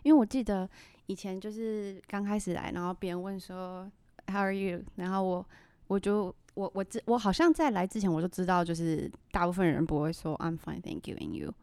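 A woman's voice: mid-range voice, a little fast, mellow, clean tone, no room sound. A woman hosting a podcast in casual chat, laughing often and acting out the reactions she quotes. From Taiwan. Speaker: podcast host.

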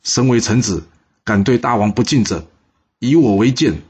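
A man's voice: on the low side, a little fast, slightly rough. Man doing a fiercely loyal old-court minister. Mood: solemn.

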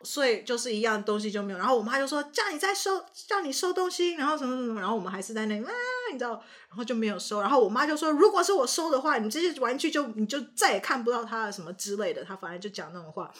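A young woman co-hosting a casual podcast, telling childhood stories in an animated way and acting out her parents' lines. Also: on the high side, very fast, hardly any pauses. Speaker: podcast co-host. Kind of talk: casual chat.

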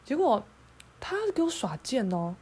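Taiwanese mandarin lady ranting on her podcast, swears a lot, kinda high voice. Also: very animated, unhurried, warm tone, husky. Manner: heated, profane, sarcastic. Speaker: podcast host. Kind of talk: casual storytelling rant.

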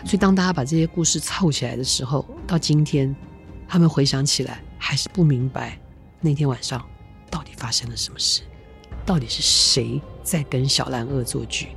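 Gravelly-voiced woman telling ghost stories. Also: extremely low pitch, moderate pace, faint music behind. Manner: chatty and lively, dropping asides to listeners and laughing. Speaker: podcast host. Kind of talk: spooky storytelling narration.

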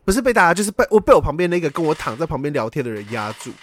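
Male podcast host, animated storyteller, high bouncy voice, rapid delivery. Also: a little hiss or hum. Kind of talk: casual podcast chat, telling a dream.

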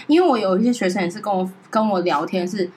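Brief: woman co-host and teacher, quick, emphatic, cuts in with high exclamations. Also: animated, a crowd in the background. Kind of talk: casual chat.

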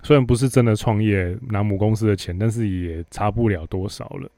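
A man's voice: on the low side, a little fast, dark tone, no echo. A man with a Taiwanese Mandarin accent hosting a podcast, telling a work story in a blunt, sarcastic, casual monologue. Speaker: podcast host.

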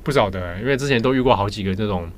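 A man with a Taiwanese Mandarin accent, hosting a podcast and telling stories in a relaxed, chatty way. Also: lowish voice, rapid-fire. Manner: chatty storytelling, laughs easily. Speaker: podcast host. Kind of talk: casual chat.

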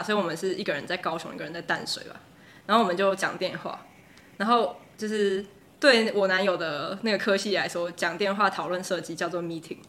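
Fast, bright Taiwanese woman telling stories. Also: mid-range voice. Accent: Taiwanese Mandarin. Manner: chatty storytelling, laughs often. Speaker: podcast co-host. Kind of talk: casual chat.

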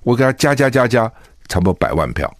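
An older man from Taiwan, hosting a solo news commentary show in a chatty, animated way. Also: mid-range voice, quick pace, dry recording. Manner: chatty, animated, acts out quotes in a raised voice. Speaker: host.

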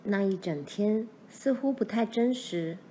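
A woman narrating a children's novel chapter in a calm, even storytelling manner. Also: mid-range voice, unhurried, slight background noise. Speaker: audiobook reader.

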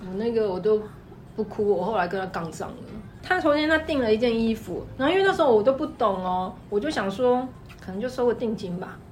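A woman with a Taiwanese Mandarin accent rattles through her shop stories at a brisk clip, her voice sitting a little high. She talks in an animated, emphatic way. A faint hum of room noise sits under her. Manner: animated, fast-talking, emphatic. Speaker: guest, clothing shop owner. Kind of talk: casual storytelling chat.

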